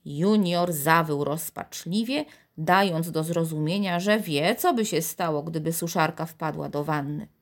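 Slow, low-voiced woman storyteller. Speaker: narrator. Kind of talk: children's storybook reading.

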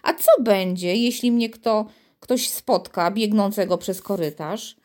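A fretful, dreamy city president from a children's storybook, sighing over his troubles and longing to be invisible, as a woman reader puts him on. His talk swings between gloom and wistful excitement, with an ordinary middle pitch. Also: a little slow, natural voice. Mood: worried.

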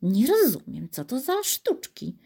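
A woman's voice: fairly high pitch, wildly swooping pitch, unhurried, gravelly, dark tone, slightly rough, full character voice. A woman voicing a flustered, bewildered middle-aged male city mayor in a storybook reading, puzzled and slightly fussy.

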